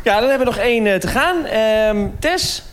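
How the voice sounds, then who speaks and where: A man's voice: high-pitched, expressive, normal speed, heavy background noise. A man hosting a casual chat and asking his guests playful, teasing questions. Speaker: podcast host interviewing guests.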